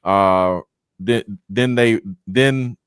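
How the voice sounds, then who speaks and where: A man's voice: fairly low pitch, very slow, clear, resonant tone, dry recording, studio quality. A man co-hosting a casual sports debate in an informal, conversational manner. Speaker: sports show co-host.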